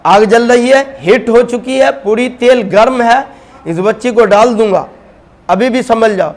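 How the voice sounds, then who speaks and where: A preacher voicing a cruel tyrant king. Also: very high voice. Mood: menacing. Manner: threatening, taunting.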